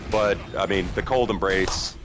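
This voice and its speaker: A man's voice: low-pitched, unhurried, over music. A man giving casual, joking play-by-play commentary on a video game. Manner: joking, conversational. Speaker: esports commentator.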